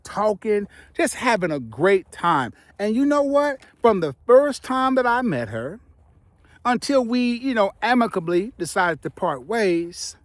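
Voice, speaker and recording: A middle-aged man giving casual, playful relationship advice to viewers, speaking emphatically with dramatic pauses and slightly impeded by the retainers he is wearing. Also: sits high, no echo.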